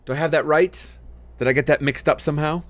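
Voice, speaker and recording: A man with a deep, lumberjack-like voice hosts a livestream in a casual, rambling, appreciative way, as someone who reads out submitted scripts. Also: steady tone, fast talker. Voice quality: deep, lumberjack-like voice, deeper than usual today. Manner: rambling, appreciative, often thanking. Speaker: host reading listener-submitted scripts on a livestream.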